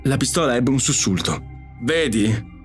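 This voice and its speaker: A man narrating an audiobook story in an expressive, animated way. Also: mid-range voice, a little fast. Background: faint music.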